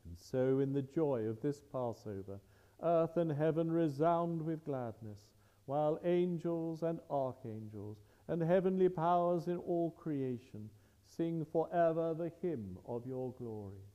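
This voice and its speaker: Male priest, slow and solemn, in a dull recording with a long cathedral echo and faint music behind. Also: a little high, animated, warm tone. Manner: slow, measured, solemn recitation. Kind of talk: liturgical prayer at Mass. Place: large church. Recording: dull lo-fi recording in a reverberant church.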